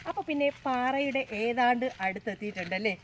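A woman from Kerala, India, with a southern Kerala Malayalam accent and a fairly high voice, chats fairly quickly in a casual travel vlog. Walking outdoors through a village and up a rocky hill, she repeats phrases and checks in with viewers using tag questions, with background noise in the recording.

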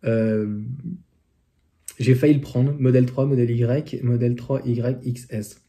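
A man talks through car accessories in a loose, casual review. His voice is very dark and mellow, sitting at an ordinary pitch. He hesitates often and fills gaps with fillers and restarts. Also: fairly even intonation, a little slow. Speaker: electric car vlogger.

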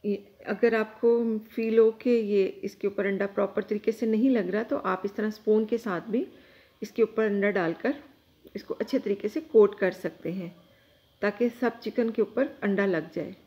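A woman hosting her own cooking channel, calmly explaining each step of a recipe to viewers from her home kitchen. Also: medium pitch, normal speed, lo-fi sound. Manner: calm, instructive, addresses viewers directly.

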